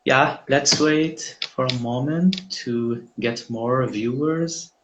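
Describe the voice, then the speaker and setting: A man's voice: mid-range voice, takes it slowly, fairly bright tone, a little hiss or hum. A man hosting a live online mock job interview over a video call, speaking in a friendly, hesitant way with frequent fillers.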